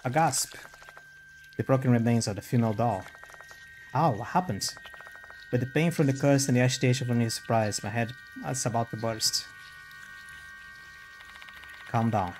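A man's voice: medium pitch, normal speed, long pauses, a little mellow, slight background noise, low-quality recording. A man streaming a game, reading its text aloud and adding casual commentary.

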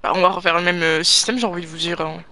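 A let's play gamer narrates his gameplay live at a racing pace, thinking out loud and breaking into excited urging. His voice sits at medium pitch, and the recording is dry.

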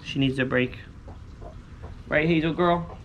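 Scratching lottery tickets on a covered poolside patio, a man in his thirties chats with viewers, using slang, repeating himself, and muttering hopefully. His voice is a little high and measured in pace. The recording is rough, with ambient outdoor noise.

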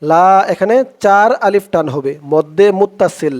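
A man teaching recitation, spelling out syllables and then chanting each verse in a slow, drawn-out voice. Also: high voice, darkish tone.

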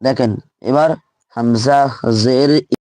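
A man's voice: mid-range voice, fairly even intonation, slow, warm tone, no room sound. A man teaching Quran reading in a live online lesson, drilling letters and syllables aloud and repeating each one patiently.

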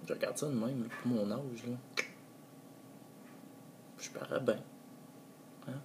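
A man with a Québécois accent recording a video tutorial, stumbling over drawn-out fillers and restarting his introduction again and again with exasperated, self-mocking humor. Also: mid-range voice, fairly even intonation, noisy background. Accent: Québécois French. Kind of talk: casual self-mocking blooper takes.

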